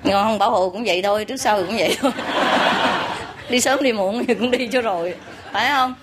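A woman's voice: mid-range voice, fast talker, heavy background noise. A woman with a Southern Vietnamese accent giving an informal, joking teaching talk to her followers, often tagging her points with questions. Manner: chatty, joking, full of rhetorical tag questions. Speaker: spiritual teacher. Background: audience laughter.

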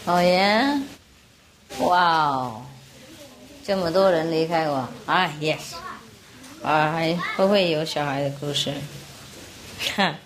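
A woman's voice: sits low, slow, long pauses. A woman teaching an audience, telling jokes in a playful, rambling way and often laughing between lines. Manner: rambling, forgetful asides. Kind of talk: joke-telling talk to an audience.

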